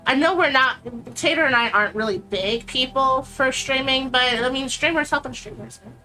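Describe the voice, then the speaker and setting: Woman stream co-host, bright tone, rambling casual chat, light music behind. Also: sits high, normal speed.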